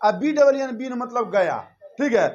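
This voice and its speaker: A man's voice: very high-pitched, lively intonation, moderate pace, a little mellow, highs cut off. A male teacher giving a classroom lesson, drilling students by repeating his questions and answers back and forth.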